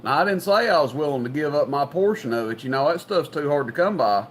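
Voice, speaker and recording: A Southern-accented man hosting an evening of CB radio and livestream talks quickly with lively intonation and a slightly high voice, casual and folksy, over background noise.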